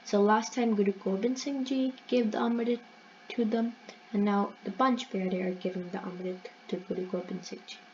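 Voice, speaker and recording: A woman retells a religious story in an earnest, explanatory voice of ordinary pitch, often stopping to correct herself. The recording sounds dull and lo-fi, with a faint hiss behind her. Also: fairly even intonation, normal speed. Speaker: channel host.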